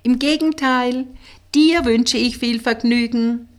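A woman voicing a mischievous female colleague who teases with a Swabian accent. The voice is pitched up and lively, with a husky edge. It is an audiobook character voice. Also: unhurried. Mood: calling out. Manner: playful, bright and teasing. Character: cheeky female office colleague, playful and mischievous.

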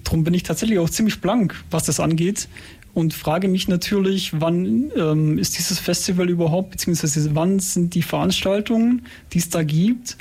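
Husky male radio co-host. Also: sits high, moderate pace, a little mellow. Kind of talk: casual interview questions.

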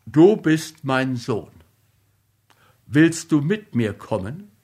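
Man voicing a stern storybook nobleman, sharp forceful tone, unhurried. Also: medium pitch, big pitch swings, husky, heavily acted. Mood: angry, firm. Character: proud nobleman defending a dead woman's honor.

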